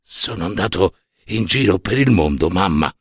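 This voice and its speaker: Man as a subdued, hesitant blacksmith god, low voice, dry sound. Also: lively intonation, moderate pace, slightly rough, dry recording, exaggerated voice. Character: hoarse lame blacksmith god, shy son.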